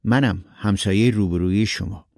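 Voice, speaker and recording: A man voicing a sleepless, puzzled older male teacher, speaking quietly and earnestly. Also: on the low side, creaky, no room sound, studio quality. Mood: weary.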